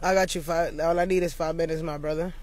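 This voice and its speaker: A playful man with a notably high voice, chatting casually on a livestream about astrology. He jokes around, slips into a mock flight-announcer tone, and speaks into a phone mic, with faint background noise around him. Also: steady tone, quick pace.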